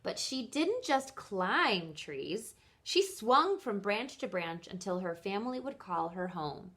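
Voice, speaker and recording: The clip features a woman reading a children's picture book in the manner of a teacher. She speaks in a mid-range voice, emphasizing the story expressively and with care.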